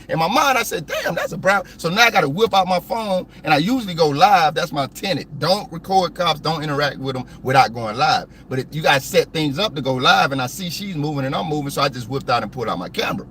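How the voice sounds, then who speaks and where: A man's voice: fairly high pitch, fast talker, few pauses, a bit bright, a little hiss or hum. A man hosting a live stream, ranting hotly and with plenty of profanity. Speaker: copwatch channel host.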